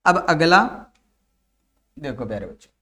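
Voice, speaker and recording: A man's voice: fairly high pitch, very animated, a little slow, pushed and bright. A man teaching Hindi grammar for an exam, drilling students by asking each question again and again and then answering it himself. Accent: Bihari Hindi. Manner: addresses viewers as dear children. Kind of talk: exam-prep lesson.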